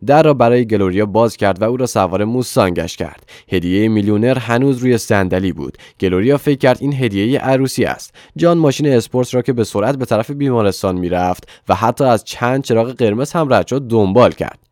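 A man narrating a novel in a steady, even storytelling voice. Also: medium pitch, few pauses, no room sound, studio quality. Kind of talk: scripted audiobook narration.

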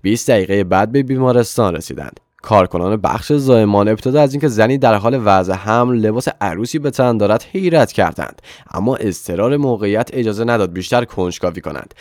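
A male narrator reads a novel aloud in a steady, even storytelling manner. His voice sits low and the recording is dry and close. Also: dry recording. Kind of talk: scripted audiobook narration.

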